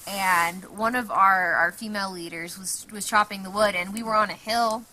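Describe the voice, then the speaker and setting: Relaxed woman in a casual camping vlog, mid pitch, outdoors with faint ambient noise. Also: normal speed, rough recording. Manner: relaxed, hesitant with fillers. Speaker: host's wife. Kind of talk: casual storytelling. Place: winter campsite outdoors.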